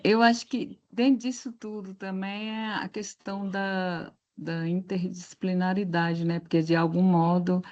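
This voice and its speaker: A woman's voice: lowish voice, darkish tone, muffled recording. A Brazilian woman taking part in a training session, speaking casually. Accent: Brazilian Portuguese. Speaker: workshop participant. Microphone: video call.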